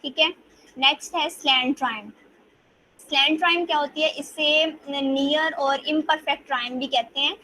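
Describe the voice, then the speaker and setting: A woman teacher lecturing in Hindi, mixing in English terms and reading English definitions slowly before she explains them. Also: high voice, sharp tone, low-quality recording. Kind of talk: lecture on rhyme types.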